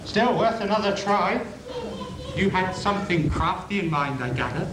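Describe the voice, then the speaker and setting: A man's voice: sits high, animated, moderate pace. A man playing a grand, wry dream spirit in a community pantomime, with declamatory theatrical delivery. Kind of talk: community pantomime stage acting. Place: on stage in a school hall. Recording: noisy, echoey 1980s school hall video.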